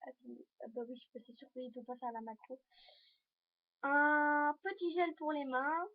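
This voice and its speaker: A high-voiced teenage girl talks straight to her viewers in a casual fashion vlog, rambling along with lots of hesitations while she holds things up to the camera. The sound is dull and lo-fi, recorded on a simple camera microphone. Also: fairly even intonation, moderate pace. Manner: chatty and rambling, full of hesitations. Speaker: vlogger. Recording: dull lo-fi home video recording.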